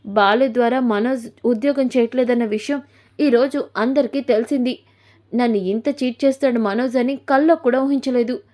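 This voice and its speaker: A woman plays a wounded, self-pitying young wife in a retold family drama. She complains in an aggrieved, fairly high voice. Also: dark tone, lightly acted.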